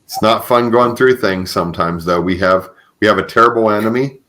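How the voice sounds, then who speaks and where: A lowish, pushed, bright male voice moves briskly through a conversational podcast interview. The host offers religious encouragement, affirming what's said and repeating phrases for emphasis.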